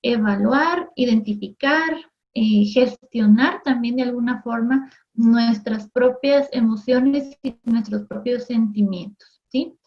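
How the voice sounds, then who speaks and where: Higher-voiced woman teacher, lo-fi sound. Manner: conversational, often checks in with "¿sí?" and "¿no?"; acts out everyday voices in quick asides. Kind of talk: recorded classroom lesson for TV.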